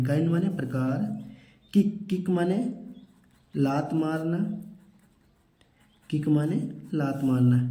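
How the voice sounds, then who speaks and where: A man teaches children vocabulary, slowly spelling out each word and explaining it. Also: fairly high pitch, dark tone, roomy sound, rough recording.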